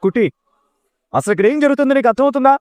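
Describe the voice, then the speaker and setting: A man's voice: extremely high pitch, rapid-fire, a little mellow, no room sound. A man voicing a stern, commanding wealthy father. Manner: commanding, interrogating.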